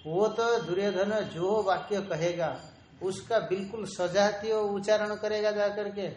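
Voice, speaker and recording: A man teaching a traditional Vedanta lesson, explaining slowly, repeating key terms and drawing out Sanskrit quotations. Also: sits high, steady tone, a little mellow, slight background noise. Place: ashram room. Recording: echoey room, faint ambience.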